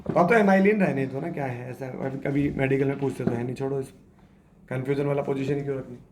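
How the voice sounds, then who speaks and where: A man's voice: mid-range voice, fast talker, background noise. A man teaching a chemistry class, quizzing the students and repeating their answers as he spells out structures step by step. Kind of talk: classroom lecture.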